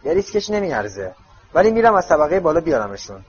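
A man's voice: on the high side, sing-song, slightly rough, faint music behind, pitched above the performer's own voice. A man voicing a wry teenage boy who talks in a casual, offhand way, on dull lo-fi audio.

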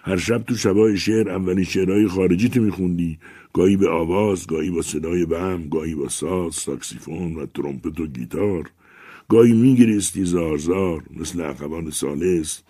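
A man narrating a story aloud in a measured, rhythmic reading. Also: low voice, mellow, breathy edge, no echo, clean studio sound.

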